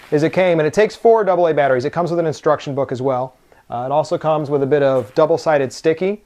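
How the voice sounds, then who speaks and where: Here a man with a somewhat high but darker-toned voice gives an informal, hands-on product review. He breaks everything down step by step, the way someone would during a laid-back unboxing demo.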